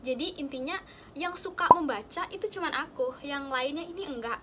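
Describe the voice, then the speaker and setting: A woman's voice: sits high, brisk, a loud crowd. Chatty young woman explaining study tips. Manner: chatty, explains with many fillers and examples. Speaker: student sharing study tips. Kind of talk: casual explaining chat.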